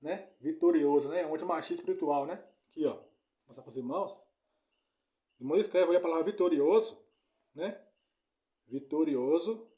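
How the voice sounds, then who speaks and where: Man preaching in a mellow voice. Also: a little high, a little fast, pauses often. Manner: repetitive, keeps asking "né?" and "entendeu?". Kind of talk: informal Bible teaching.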